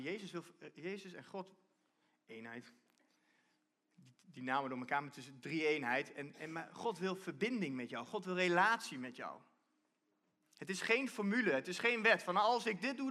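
A man preaches from a church stage in a loose, conversational way, circling back and repeating phrases as he works through his point. His voice sits high and sounds bright and forward. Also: expressive, moderate pace. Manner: conversational, repeats and restarts while explaining. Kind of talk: sermon.

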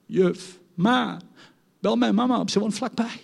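A man's voice: sits high, measured pace, vocal fry, slightly rough, pitched above the performer's own voice, full character voice. A man voicing a frightened small boy who pleads and protests to his mother, repeating "mam". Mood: panicked. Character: small boy, frightened and whiny, clinging to mom.

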